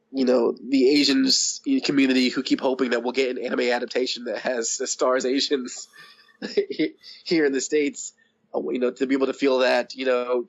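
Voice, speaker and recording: A man guest in a casual interview, hoarse with his voice going out, talking in a rambling, enthusiastic way. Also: mid-range voice. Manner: rambling, enthusiastic, laughs often. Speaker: podcast guest. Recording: dull lo-fi audio.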